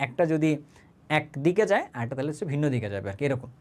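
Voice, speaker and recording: A man's voice: fairly high pitch, sing-song. A male chemistry teacher, giving an online class lecture in a chatty way, mixing in English words and checking in with his students. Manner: conversational, often checks understanding with quick tag questions.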